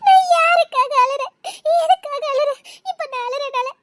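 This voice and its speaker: A woman's voice: extremely high pitch, quick pace, bright, forceful tone, dry recording. A woman acting a grieving, wronged young woman, speaking with a Tirunelveli Tamil accent in a trembling, tearful voice. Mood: sobbing.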